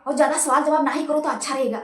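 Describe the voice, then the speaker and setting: A stern truck driver , voiced by a woman storyteller, barks curt orders at his helper. His commands are quick and firm. The voice rings in an echoey room. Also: high-pitched, fairly even intonation, a bit bright. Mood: commanding. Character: stern male truck driver, bossy and frightened.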